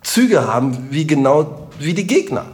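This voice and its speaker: A middle-aged man with a Rhineland German accent, a comedian chatting as a podcast guest in an animated, joking and emphatic way. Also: a little high, measured pace. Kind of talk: casual podcast conversation.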